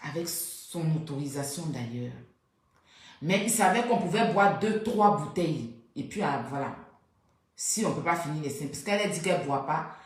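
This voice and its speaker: A woman casually telling a story about a night out, acting out what others said and keeping her voice soft. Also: moderate pace. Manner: animated, acts out what others said, pitch jumps up when excited; keeps voice soft, says she cannot speak loudly. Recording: very echoey room.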